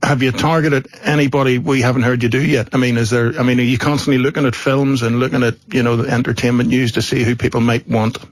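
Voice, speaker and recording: A man hosting a radio show, friendly and halting, often restarting sentences. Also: mid-range voice, level tone. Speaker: radio drive-time host. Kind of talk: radio interview.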